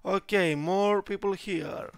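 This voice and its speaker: A man talks over his gameplay. He speaks in an unhurried way, griping, cursing and laughing at his own failures. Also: sits high, creaky, clean tone. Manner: frustrated, swearing, laughing at himself. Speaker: gameplay streamer. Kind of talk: casual game commentary.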